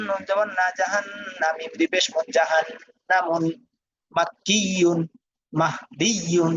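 High-voiced man chanting a spelling lesson. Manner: spells out letters and vowel marks in a steady chant, then reads the whole word. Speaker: Quran reading teacher. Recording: dull dry lo-fi audio.

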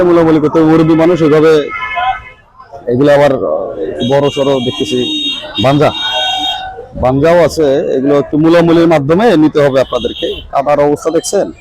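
A man's voice: fairly high pitch, a little mellow, low-quality recording. A man, walking through a rainy, muddy outdoor cattle market, asking sellers their prices and talking straight to his viewers. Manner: chatty, addresses viewers directly, haggles over prices. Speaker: vlogger touring a cattle market. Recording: outdoor market crowd behind. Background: crowd chatter and rain.

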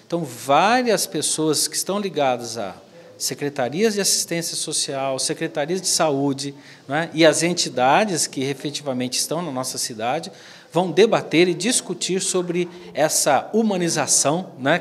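A man in his forties, a physiotherapy professor, giving measured interview answers into a handheld mic indoors, often tagging "né". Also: on the high side. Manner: measured, explanatory, frequent "né". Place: indoor office corner by a plant.

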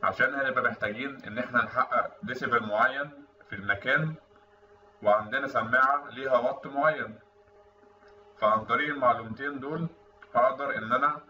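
This man narrates a relaxed technical tutorial with an Egyptian Arabic accent, his mid-range voice bright and forceful. He's an instructor, captured by a far-off mic in a roomy space, so the audio is dull with a little noise.

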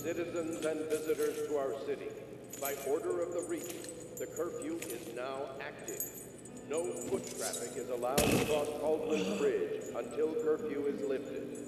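A stern official announcer whose voice booms through distant public loudspeakers, slightly high and formal. The sound rings with heavy echo and arrives from far off. Loud street ambience surrounds every measured word. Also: male voice, fairly even intonation, heavy background noise. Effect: broadcast through public loudspeakers.

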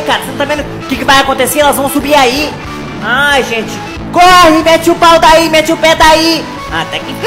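A high-pitched woman reacting to videos, jumping between shrieks and low mutters as she yells advice at the screen. Loud music plays behind her. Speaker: reaction channel host.

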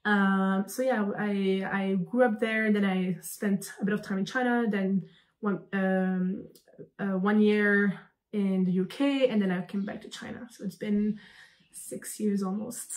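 A young woman from Belgium, a company founder answering interview questions over a video call, talking in an animated way with many fillers and restarts. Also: medium pitch, unhurried. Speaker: guest, founder. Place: room at home.

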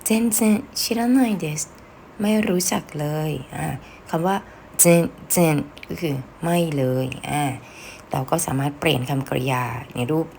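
Thai woman, language teacher, gravelly low voice, patient explanations, casual lesson. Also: lively intonation, a little slow, a little mellow, a little hiss or hum. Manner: explains patiently, models example phrases with changing tone. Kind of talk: casual spoken-Japanese lesson.

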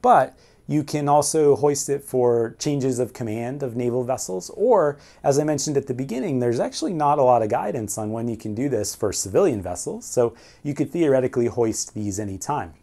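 Mellow-voiced teacher explaining. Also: male voice, medium pitch, expressive, normal speed. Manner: clear, methodical explaining with occasional fillers. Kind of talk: educational explainer video. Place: indoor room before a whiteboard and framed ship painting. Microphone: camera at medium distance.

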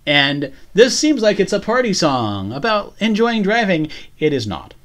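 Thoughtful podcast co-host, mid-pitched voice. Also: sing-song. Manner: thoughtful, explains background and meaning in measured turns. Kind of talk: casual chat recapping a TV episode.

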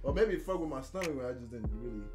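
Wry, joking man with a lively mid voice. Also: mid-range voice, very fast, roomy sound, over music. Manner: joking, asks wry questions. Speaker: co-host reacting to a video. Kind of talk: casual reaction chat.

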